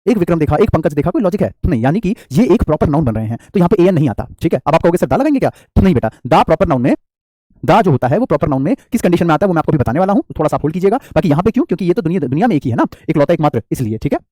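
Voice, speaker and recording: A man's voice: fairly high pitch, big pitch swings, very fast, dark tone, no room sound, studio quality. A man teaching an English grammar class, explaining patiently and asking his students questions. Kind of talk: classroom lesson.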